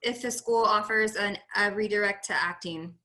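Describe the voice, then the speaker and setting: A woman, a parent, asking an audition coach hesitant, halting questions over a video call. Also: medium pitch, pushed and bright.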